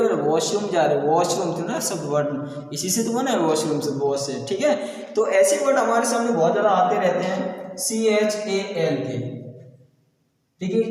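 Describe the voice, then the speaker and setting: A man's voice: high-pitched, darkish tone. A male English teacher with an Indian accent giving a lesson, mixing Hindi with English words and asking his students each point back as a question. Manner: repeats points as questions to students, calling them "beta". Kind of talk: classroom lesson video. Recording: very echoey room with long reverb.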